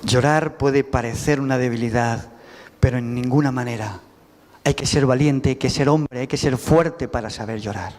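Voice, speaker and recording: A man's voice: mid-range voice, normal speed, darkish tone. A man with a Spanish accent preaching a sermon, emphatic and putting rhetorical questions to the congregation. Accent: Spanish from Spain. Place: church sanctuary. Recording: reverberant church hall with faint music.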